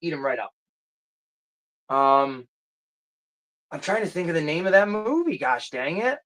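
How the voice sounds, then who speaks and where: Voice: mid-range voice, sing-song, measured pace, fairly bright tone. Casual livestream host, rambling, chatty, answers chat, mid-range voice. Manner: rambling, searches aloud for titles; chatty, drifts off topic. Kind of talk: casual chat reading viewer comments.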